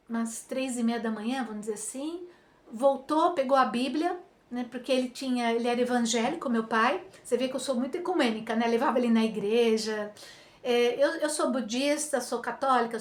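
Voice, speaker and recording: Brazilian woman telling a story in an echoey room, high voice. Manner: animated, emotional, lots of tag questions. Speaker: vlogger. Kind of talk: personal storytelling.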